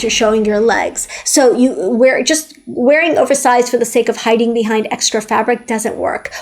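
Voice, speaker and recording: A woman in her forties giving frank, chatty style advice in a vlog, repeating words when she stresses a point. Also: a little high. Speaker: fashion vlogger. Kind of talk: opinionated style advice to camera.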